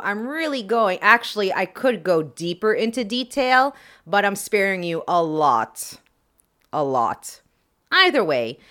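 A woman's voice: medium pitch, a bit bright. A woman hosting a podcast, explaining history in a chatty way with playful, wry asides to her listeners. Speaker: podcast host.

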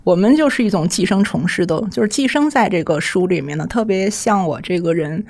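A woman professor guesting on a podcast, talking in a measured, thoughtful way and reaching for metaphors. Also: lowish voice, animated, a little mellow. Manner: measured, thoughtful, full of metaphors and pause words. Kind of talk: casual chat.

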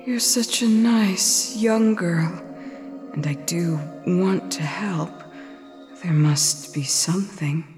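A haughty queen speaks in a low, commanding voice. She is imperious and brusque in this podcast audio drama, heard with a long reverb. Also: takes it slowly, music in the background. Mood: sympathetic. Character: haughty mortal queen, brusque yet soft-hearted.

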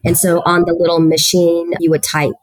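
This middle-aged South Texas woman, a student housing executive, is a guest on an interview podcast, telling the story of her career in a talkative, earnest way with frequent fillers. Her fairly low voice stays monotone at a moderate pace, captured in a poor-quality recording without echo.

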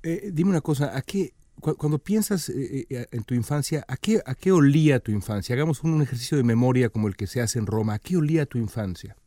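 A man hosting an interview, asking reflective questions in a measured way. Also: medium pitch, expressive, warm tone, no echo, studio quality. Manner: measured, reflective, stumbling on restarts.

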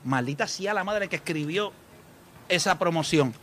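A man's voice: fairly high pitch, animated, normal speed, fairly bright tone. A man with a Puerto Rican accent co-hosting a radio talk show, telling stories bluntly and emphatically, now and then swearing. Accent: Puerto Rican Spanish. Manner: emphatic, blunt storyteller who swears and addresses listeners. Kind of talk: casual chat.

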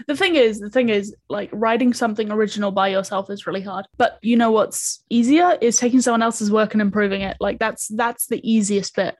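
A woman's voice: mid-range voice, fairly quick, few pauses. A woman from New Zealand with a mixed New Zealand and English accent, chatting casually and laughing as a podcast co-creator and writer. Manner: lively, laughing, swears casually. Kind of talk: casual chat.

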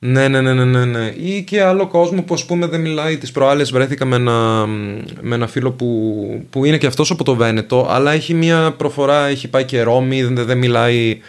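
Venetian-accented man, thoughtful and measured. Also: medium pitch, clean tone. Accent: Venetian Italian. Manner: slow, thoughtful, pauses to find words. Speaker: linguist guest. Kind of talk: casual conversation.

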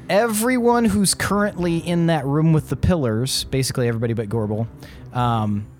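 A man narrating a tabletop role-playing game as game master, laying out scenes in deliberate, suspenseful short phrases. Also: a little high, darkish tone, faint music behind.

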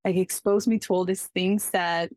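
A woman's voice: fairly low pitch, fairly even intonation, moderate pace, darkish tone, dry recording. A young woman from Ecuador with an Ecuadorian Spanish accent, a marine biologist guest talking earnestly and eagerly, often restarting her sentences. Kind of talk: casual interview.

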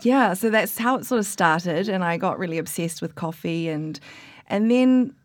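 A New Zealand woman, appearing as a guest coffee expert, chats casually in an interview about her work. Her low voice moves at a normal speed but stumbles through many fillers and restarts. The sound is close and dry, with no room echo at all.

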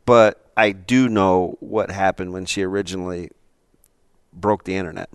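A man's voice: deep voice, moderate pace, clean tone, no room sound. A man in his late forties co-hosting a sports talk show, joking around and laughing often. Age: 40s. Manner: animated, jokey, laughs often. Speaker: sports radio co-host. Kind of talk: casual sports talk banter.

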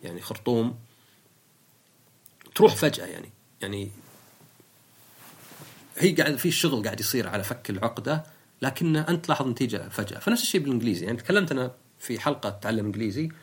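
A man's voice: medium pitch, animated, fast, long pauses, slightly rough. A man with a Saudi accent, a podcast host talking casually and explaining his views with everyday examples. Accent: Saudi Arabic.

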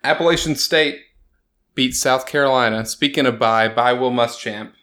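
A man hosts a laid-back sports talk with friends. He jokes his way through the week's scores, sarcastic and quick to laugh. His voice sits at an ordinary middle pitch. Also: pushed and bright. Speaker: podcast host. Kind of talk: casual sports chat.

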